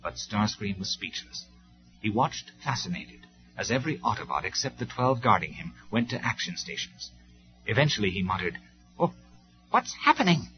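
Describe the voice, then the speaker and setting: A man from the UK narrating a story from an audio cassette in a dramatic, measured way. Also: lowish voice, lively intonation. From United Kingdom. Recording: dull lo-fi cassette recording with faint music.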